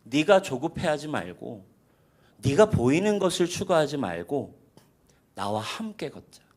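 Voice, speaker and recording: A male pastor voicing God as a gentle, loving figure who speaks in a soft, hushed, tender way. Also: fairly high pitch, big pitch swings, unhurried, voice pushed down. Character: gentle loving God calling a man to walk along.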